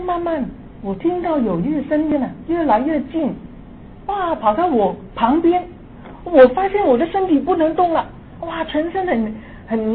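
Older woman, storyteller, fairly high voice, tinny phone-like sound, faint hiss. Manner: lively, swings between hushed and excited. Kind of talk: personal ghost story.

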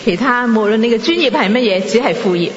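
A woman's voice: a little high, animated, quick pace. A woman interpreting a sermon live, phrase by phrase. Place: large conference hall. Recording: muffled, echoey hall, audible congregation. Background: congregation noise.

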